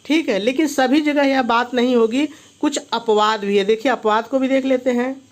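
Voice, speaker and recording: A man's voice: very high voice, steady tone, moderate pace. A male teacher giving a video lesson, who asks himself why and then answers, repeating each key point. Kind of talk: classroom-style video lesson.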